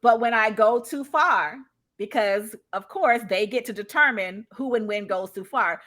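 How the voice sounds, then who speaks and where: A woman with a fairly high, slightly bright voice speaks at an unhurried pace. She's a guest in a live discussion over an online video call, sharing her experience in a conversational, emphatic way and checking in often.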